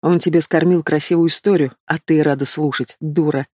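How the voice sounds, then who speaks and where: A man's voice: fairly high pitch, steady tone, a little fast, darkish tone, no echo, studio quality, close to an everyday voice. Man voicing a cold, scornful young henchman. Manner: cold, contemptuous.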